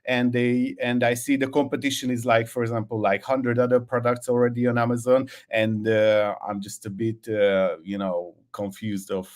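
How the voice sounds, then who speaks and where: Calling in casually with questions, a Hungarian new agency owner speaks at medium pitch in a level tone and moderate pace, with hardly any pauses. Even so, his delivery is hesitant, peppered with fillers and restarts.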